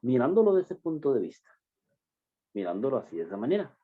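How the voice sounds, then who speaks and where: A man preaching a sermon, addressing the congregation as brothers and stressing phrases slowly and emphatically. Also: mid-range voice, sing-song, slightly rough. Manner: slow, emphatic preaching with drawn-out words. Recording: dull lo-fi recording.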